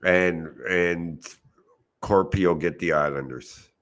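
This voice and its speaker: A man's voice: deep voice, steady tone, slow pace, a bit bright. A man co-hosting a hockey podcast, giving blunt, dry opinions in casual chat. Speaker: podcast co-host.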